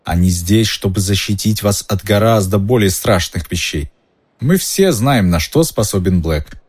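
A man's voice: fairly low pitch, lively intonation, measured pace, a little mellow, breathy edge. A man doing a pompous stout minister. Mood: confiding. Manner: pompous, confiding, ingratiating. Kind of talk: audiobook character voice.

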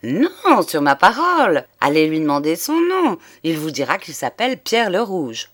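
Woman voicing a mocking police chief, condescending, lowish voice, dry close sound, audiobook. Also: huge pitch swings, normal speed, fairly bright tone, no room sound, heavily acted. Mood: smug, teasing. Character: smug gloating male police chief.

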